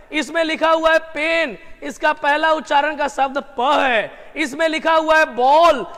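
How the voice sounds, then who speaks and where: A man teaching English grammar online. He drills his students with repeated questions, slows down to stress key terms and breaks into emphatic bursts. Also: very high-pitched, big-room sound. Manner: lively with sudden emphatic outbursts.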